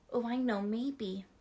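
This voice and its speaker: A woman playing a sweet, excitable princess, talking to children like a kids show host with sing-song wonder and encouragement. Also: fairly high pitch, heavy background noise. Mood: sweet, excited. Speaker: children's party entertainer. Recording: loud music over the voice. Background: music.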